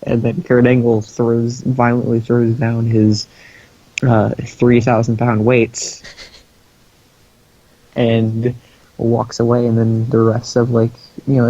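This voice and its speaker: Podcast guy rambling thru a recap, crude jokes, lots of um and you know, monotone, dull lo-fi sound. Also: mid-range voice, breathy edge. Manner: rambling, crude joking, many fillers. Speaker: podcast co-host. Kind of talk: casual comedic recap chat.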